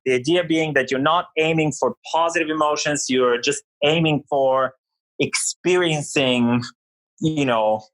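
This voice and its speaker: A man's voice: on the high side, a bit bright, dry recording, rough recording. A middle-aged man from Bulgaria, a psychology researcher guest on a podcast, explaining ideas in a thoughtful, conversational way with many fillers.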